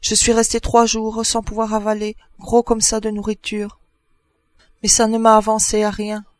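Man voicing a gruff, bustling old neighbor woman. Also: high voice, completely flat delivery, moderate pace, no echo, clean studio sound, lightly acted. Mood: consoling. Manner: bustling, bossy, chatty.

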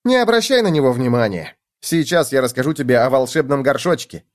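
A man's voice: lively intonation, brisk, lightly acted. Man voicing a chirpy talkative gopher. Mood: explaining. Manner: bright, chatty, raised pitch. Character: cheerful talkative young male gopher. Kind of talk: storybook reading.

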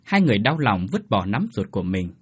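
Storyteller: husky man, very animated delivery. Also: on the low side, a little fast. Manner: expressive, animated reading. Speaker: narrator. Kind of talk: dramatic storytelling narration.

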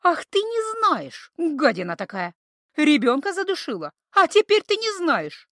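A woman's voice: very high-pitched, wildly swooping pitch, a little slow, a bit bright, dry recording, clean studio sound, pitched above the performer's own voice, heavily acted. A woman voicing a fierce young female witch-healer who scolds and threatens. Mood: angry scolding.

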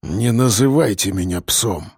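A man voicing a stubborn, restrained male bodyguard who speaks low and tersely. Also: moderate pace, gravelly, darkish tone, breathy edge, no room sound, studio quality. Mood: grim.

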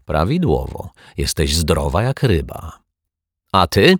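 Brief: man voicing a steady kindly detective in a children's story, low husky voice, matter-of-fact. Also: takes it slowly, no echo, clean studio sound, full character voice. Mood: amused. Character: calm, firm male children's detective. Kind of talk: audiobook character voice.

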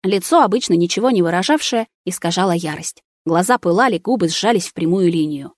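A woman's voice: fairly low pitch, expressive, a little fast, dry recording. A woman narrating a first-person story aloud in a tense, dramatic way. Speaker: audiobook narrator.

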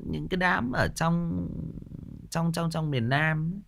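A man's voice: fairly high pitch, slow, vocal fry, fairly bright tone, a little hiss or hum. A man, hosting a ghost story channel in a casual livestream chat. He talks in a playful, joking way and often repeats words while searching for the next one.

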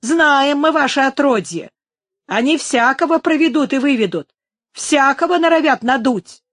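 A woman voicing a rough, scornful male accomplice who demands answers in a read-aloud story. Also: high voice, animated, moderate pace, a bit bright, dry recording, voice pushed up. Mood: demanding. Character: rough impatient male accomplice, grown man.

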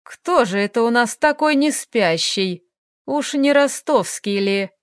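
Shrill, scornful middle-aged mother, performed by a woman reader; loud. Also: big pitch swings, very slow, no echo, studio quality, full character voice. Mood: scornful angry.

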